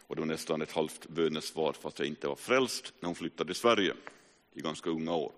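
Deep-voiced preacher in an echoing hall. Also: male voice. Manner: earnest storytelling, animated rises and hushed drops. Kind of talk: personal testimony sermon. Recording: reverberant hall.

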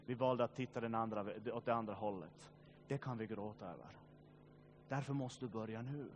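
A man preaching a sermon, swinging between loud urging and quiet, grave passages, with joking asides to the congregation. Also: on the low side, a little hiss or hum. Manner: joking asides, addresses listeners directly. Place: church meeting.

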